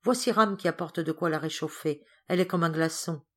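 A woman voicing a kindly, motherly governess in a storybook reading, speaking in an earnest, measured way. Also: lowish voice, fairly bright tone.

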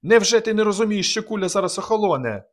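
A man reading aloud, raising his voice high to play an excitable boy balloon pilot. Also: fast talker. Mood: alarmed. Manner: high, urgent shouting.

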